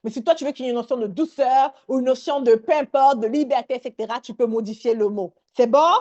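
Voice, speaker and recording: A woman leading a live online workshop, energetic and sprinkling English words into her talk. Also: fairly high pitch, fast, muffled recording.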